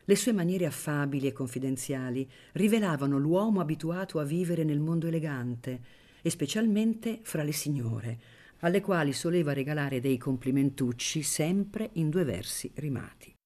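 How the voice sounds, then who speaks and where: A woman reading a classic novel aloud for radio, in a measured, expressive way. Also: sits low. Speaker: reader of a novel. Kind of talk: literary audiobook reading on radio.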